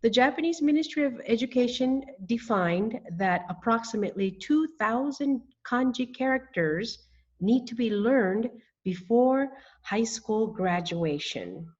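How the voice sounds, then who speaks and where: A woman teaching a language lesson, speaking slowly and deliberately and spelling out words syllable by syllable. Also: a little high, animated, a little mellow, breathy edge, dull audio. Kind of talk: scripted lesson narration.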